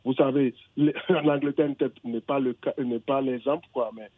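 A man's voice: mid-range voice, steady tone, moderate pace, dry recording. A man from England calling into a radio show, hesitant and searching for words, with many restarts. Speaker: caller. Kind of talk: phone-in conversation. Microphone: telephone. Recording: tinny phone line.

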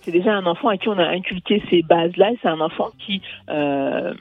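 A woman from Mali who was raised in France appears as a guest coach in a radio interview, explaining things earnestly with many fillers and restarts. Her voice is lowish and husky, a little fast, with no room sound. The line is dry and phone-like, with faint music.

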